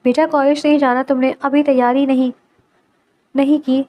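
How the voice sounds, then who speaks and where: A woman reading the part of a kindly middle-aged father with a gentle manner, in a storybook reading. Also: sits high, flat delivery, no echo, lo-fi sound, close to an everyday voice.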